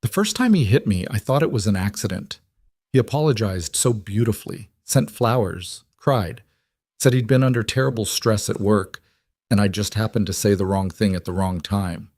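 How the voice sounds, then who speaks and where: A guarded, brittle frontier woman, as a male narrator puts her on, her words quiet and strained, halting as she goes. The voice sits a little low and dry, with no room around it. It suits a western audiobook. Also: dry recording.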